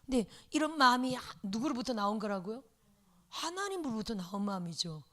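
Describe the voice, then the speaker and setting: Lively woman pastor telling a story. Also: a little high, brisk. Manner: lively storytelling with sound words, asks the congregation questions. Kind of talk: sermon with storytelling.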